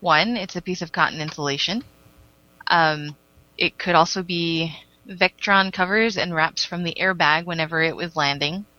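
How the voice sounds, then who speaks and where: A woman's voice: on the low side, normal speed, pushed and bright, no echo, muffled recording. A woman co-hosting a casual podcast, reading out a news story with frequent ums. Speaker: podcast co-host. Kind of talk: casual chat.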